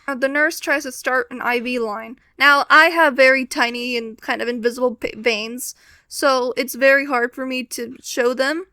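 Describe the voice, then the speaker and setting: A woman's voice: sits high, steady tone, normal speed, pushed and bright, no room sound. A teenage girl telling a personal story casually, with wry, exasperated complaints and acted-out quotes.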